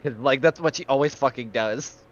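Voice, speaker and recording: A man's voice: medium pitch, fairly quick. A man playing a tabletop game, bantering casually and reacting with exclamations and swearing, on a dull, slightly lo-fi track.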